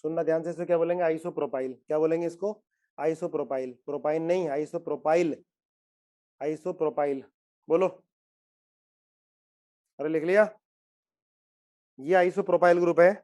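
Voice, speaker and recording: A man's voice: fairly high pitch, fairly even intonation, normal speed, long pauses, darkish tone. Coaxing man teaching a chemistry class. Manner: coaxing, repeats questions to students. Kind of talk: classroom lecture.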